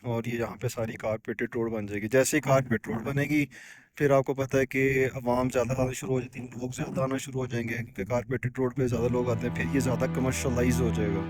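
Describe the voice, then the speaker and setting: A man's voice: mid-range voice, fairly even intonation, fast, music in the background. A man chatting informally to a camera outdoors on a mountain pass, repeating phrases for emphasis. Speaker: travel companion. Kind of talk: casual outdoor chat to camera.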